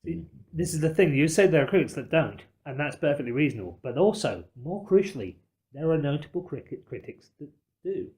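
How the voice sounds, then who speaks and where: A podcast host with a higher-pitched, darkish voice talks fairly quickly and expressively in a film discussion chat. He's discursive and emphatic, qualifying his points as he builds an argument about movies.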